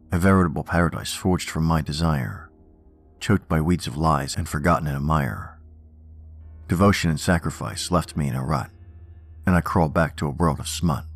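Man, extremely low pitch, creaky voice, theatrical horror podcast narration, measured delivery. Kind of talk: scripted narration of horror stories and poems.

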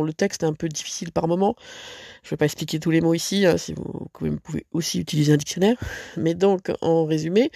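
Gravelly-voiced teacher explaining a fable. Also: medium pitch, a little mellow, no room sound, studio quality. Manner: conversational, with many fillers and asides. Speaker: French literature teacher. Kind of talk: recorded lesson with read-aloud fable.

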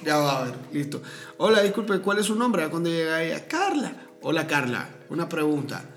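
A male podcast co-host with a high-ish, slightly bright, sing-song voice tells anecdotes at normal speed in casual chat, laughing often. The room is echoey, with faint music in the background.

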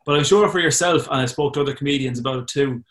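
Male podcast host, 20, Irish accent, average pitch, informal interview delivery. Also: racing, a bit bright. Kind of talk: casual interview.

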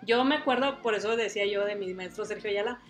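A woman's voice: medium pitch, fast, faint music behind. A woman with a northern Mexican accent co-hosting a casual chat, joking and slangy. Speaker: podcast co-host.

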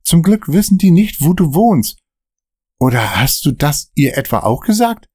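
A man voicing a panicky high-pitched young waiter. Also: big pitch swings, normal speed, a little mellow, breathy edge, no echo, studio quality. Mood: anxious. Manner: frantic, swearing, high-strung.

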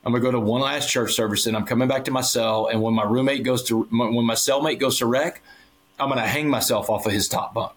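A man's voice: medium pitch, steady tone, quick pace. A man on a podcast as a guest speaker, telling his story in earnest and acting out the dialogue he quotes. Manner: earnest, acts out quoted dialogue, addresses host by name. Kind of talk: storytelling in a conversational interview.

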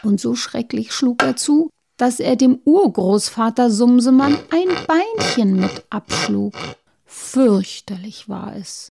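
A woman reading a children's story aloud, expressive and sometimes dropping to a whisper. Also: fairly high pitch, takes it slowly, vocal fry, a crowd in the background.

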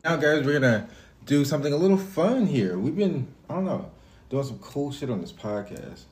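A man's voice: fairly high pitch, animated, normal speed, darkish tone. A young man co-hosting a podcast in easygoing casual chat, swearing casually. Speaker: podcast co-host.

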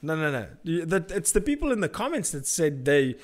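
A man's voice: a little high, sing-song, brisk. A man hosting a casual interview. He is chatty and jokey, restarting his sentences and laughing nervously. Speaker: interviewer host.

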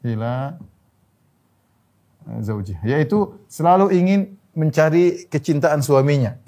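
With lively intonation, a male Islamic preacher gives a sermon, joking and laughing along the way. He lingers slowly over Arabic phrases and turns high and loud whenever he presses his listeners.

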